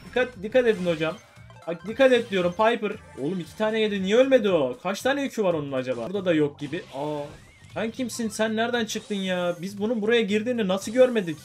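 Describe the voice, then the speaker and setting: Fast, high-voiced man commentating a game. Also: faint music behind. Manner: excitable, chatty, talks to teammates and viewers. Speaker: gaming YouTuber. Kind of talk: casual gameplay commentary.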